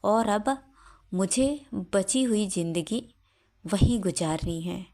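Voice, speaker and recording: A woman's voice: medium pitch, takes it slowly, dark tone. A woman voicing an angry, stubborn elderly mother-in-law who scolds and insists. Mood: scolding.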